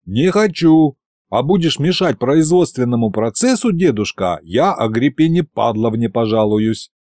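Man voicing a frantic young hero, shrill protests, lively swings, storybook. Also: measured pace, no echo, clean studio sound. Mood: stubborn. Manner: high-pitched and agitated, pleading. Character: young male hero narrator, frantic and exasperated.

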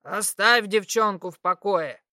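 A gruff middle-aged father in an audiobook, blunt and grumbling as he scolds, voiced by a woman reading. The tone is bright and forward. The sound is dry and close, with no room at all. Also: medium pitch, measured pace, no echo. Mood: stern.

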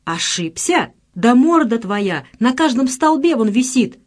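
A woman's voice: fairly high pitch, big pitch swings, measured pace, voice pushed up. A woman voicing a hot-tempered young male gangster who scolds his friend in coarse slang. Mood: indignant.

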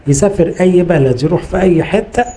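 A man's voice: sits high, fast, mellow, slight background noise, poor audio. A middle-aged man with an Egyptian accent, a priest preaching a sermon, exhorting the listeners with repetition and rhetorical questions.

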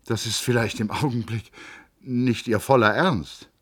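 A man's voice: mid-range voice, measured pace, slightly rough, no room sound, clean studio sound, pitched above the performer's own voice. A man voicing a timid young male patient in an audiobook reading, hesitant and stammering. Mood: unsure.

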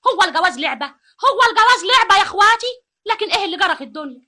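A woman's voice: extremely high pitch, expressive, racing, pushed and bright, full character voice. An actress playing a protective, indignant mother with an Egyptian accent, scolding in radio drama acting. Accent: Egyptian Arabic.

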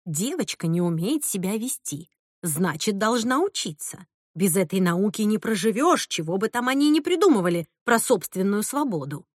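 A woman's voice: mid-range voice, very animated, normal speed, no room sound, studio quality. A woman voicing a stern older grandmother who speaks in a clipped, firm, lecturing manner in an audiobook. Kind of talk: audiobook character reading.

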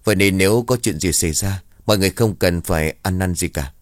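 A man voicing a calm, resolute young exorcist who speaks firmly and with assurance. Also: sits low, quick pace, dry recording, studio quality, lightly acted.

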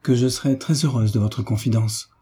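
A man voicing a polite, shy young heiress who speaks softly. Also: medium pitch, fairly quick, slightly rough.

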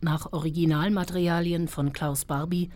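Low-voiced female radio announcer. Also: steady tone, normal speed, a little mellow. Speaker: programme announcer. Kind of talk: scripted radio title announcement.

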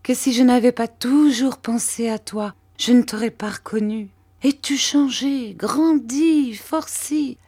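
An elderly peasant foster mother in a storybook reading, voiced by a woman narrator. She exclaims in a high, emotional voice and speaks to the boys with soft, tearful affection. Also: measured pace, slightly rough. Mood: tearful joy.

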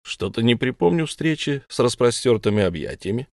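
A man voicing a stubborn human prisoner who answers his captors in a flat, terse way, in an audiobook. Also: mid-range voice, brisk, vocal fry, no echo, clean studio sound. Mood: curt. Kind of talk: audiobook character voice.

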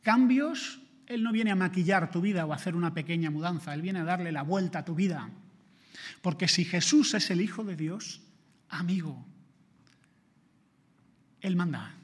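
A man from Spain preaching an emphatic sermon, building to forceful urgency. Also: high voice, moderate pace, slightly rough. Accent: Spain Spanish. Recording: long hall reverb.

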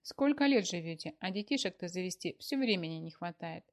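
A woman voicing a stern, bossy older wife who scolds with a sharp tongue in a read-aloud story. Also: on the low side, lively intonation, fairly quick. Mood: scolding.

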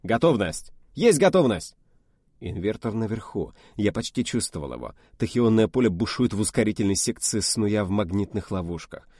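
A man narrating an audiobook in first person with expressive storytelling. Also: fairly low pitch, a little fast, hardly any pauses, no echo, studio quality.

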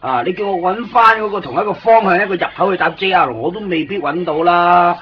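Speaking with a Hong Kong Cantonese accent, this actor's natural, fairly quick voice sits high, with slight background noise. He plays a talkative Hong Kong man in Japan who chats, fusses and coaxes as a fussy guide to a friend, in a 1990s radio drama heard through a dull, lo-fi broadcast with music.

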